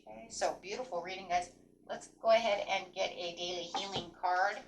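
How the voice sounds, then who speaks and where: A woman's voice: fairly low pitch, fairly even intonation, fairly quick, noisy background. A woman speaking as a fortune teller, giving a spontaneous, rambling and encouraging tarot reading, often checking in with "right?" and "you know". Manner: encouraging, affirming. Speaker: tarot card reader hosting a reading.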